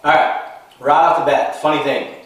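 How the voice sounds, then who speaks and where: A man's voice: on the high side, little pitch movement, moderate pace. Wry man in a roomy space. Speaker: bourbon tasting host. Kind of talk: casual chat. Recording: roomy sound from far off.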